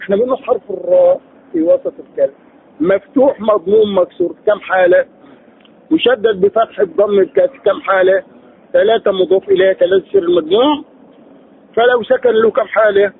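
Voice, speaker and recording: Sheikh teaching, gravelly and lively. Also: male voice, sits high, brisk. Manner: asks questions then answers them himself; drills sounds by repeating syllables. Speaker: Quran recitation teacher. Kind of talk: tajweed lesson. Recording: tinny lo-fi phone-like recording.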